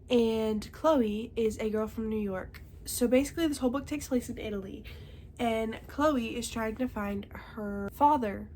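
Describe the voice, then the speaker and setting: Her voice on the high side and a little mellow, a young book reviewer with a congested voice chats casually about her reading. She frequently tags on "okay?" to check in with listeners. A little hiss or hum can be heard.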